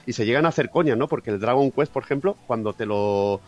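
A man's voice: medium pitch, quick pace, darkish tone, dull audio, soft background music. A man from Catalonia with a fairly neutral Spanish accent, chatting as a podcast guest, often restarting his phrases. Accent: fairly neutral Spanish from Spain. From Catalonia, Spain. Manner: chatty, with frequent restarts and fillers. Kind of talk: casual podcast interview.

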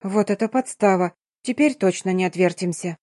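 A woman's voice: medium pitch, normal speed, mellow, no room sound, studio quality, natural voice. A woman voicing a chatty young woman in an audiobook, a friend who grumbles and coos. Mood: fussing.

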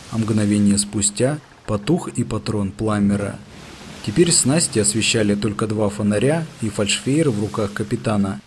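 A man narrating a story in first person, reading in a steady, measured way. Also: on the low side, slight background noise. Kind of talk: audiobook narration.

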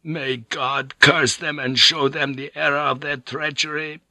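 A man's voice: fairly high pitch, steady tone, unhurried, bright, forceful tone, no room sound, voice pushed up, exaggerated voice. A man doing a frail old Spanish monk. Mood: suspicious, bitter. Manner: thick, sibilant peasant voice, pleading then bitter.

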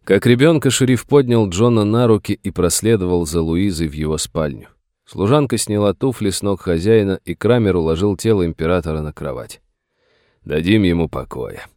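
A man reading a novel aloud as narrator in an even, measured way. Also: low voice, dry recording, studio quality. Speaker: audiobook narrator. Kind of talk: scripted narration.

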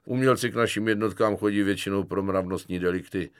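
A man voicing a calm, ironic young conscript in an audiobook, speaking slowly and deliberately with dry wit. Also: low-pitched, smooth, no echo, lightly acted.

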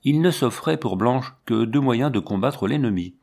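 A man narrating a classic story as an audiobook reader, in a measured way. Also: medium pitch, expressive, creaky, a little mellow, slightly rough. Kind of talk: scripted literary narration.

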